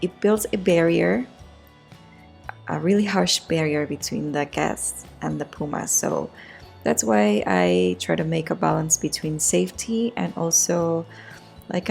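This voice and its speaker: A woman with a raspy voice giving casual, hesitant voice-over commentary on a video game build, often rewording as she goes. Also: on the low side, darkish tone. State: raspy voice today. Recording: music behind the voice. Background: background music.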